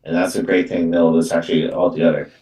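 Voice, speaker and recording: Working as a medium, a man with a low, mellow, level voice improvises card readings in a halting way that keeps circling back, leaning on filler words like "though" and "actually." The mic sits a little distant from him in an echoey room.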